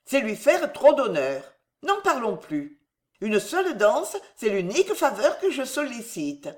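A woman voicing an excitable, fawning young gentleman who pleads theatrically. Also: a little high, a little slow.

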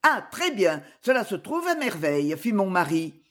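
A woman's voice: medium pitch, very animated, normal speed, fairly bright tone. A woman reading an audiobook voices a cheerful, shrewd husband who speaks with confidence. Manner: confident and jovial.

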